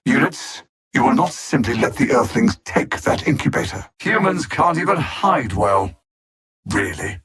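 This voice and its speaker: Faint music plays behind a male actor voicing a cold, condescending alien machine intelligence, the conquest-driven villain of a video game. His mid-range, fairly bright, husky voice is animated, haughty and commanding, with measured menace and sardonic understatement.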